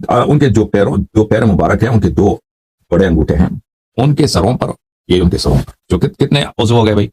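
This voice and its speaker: Low, husky male scholar, patient lecturing, recites Arabic slowly then explains, keeps asking if you follow. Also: expressive, mellow. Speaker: religious scholar teaching prayer. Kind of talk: explaining an Arabic hadith text line by line in Urdu.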